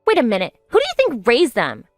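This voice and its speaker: A woman's voice: fairly high pitch, expressive, normal speed, no echo, clean studio sound, faint music behind. A woman voicing a selfish, spiteful wife in her fifties who turns defensive and self-pitying in a story drama. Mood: stunned.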